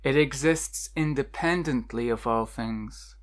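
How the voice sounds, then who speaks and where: Deliberate pauses punctuate this scripted guided meditation, narrated by a medium-pitched guide in a measured, instructional way.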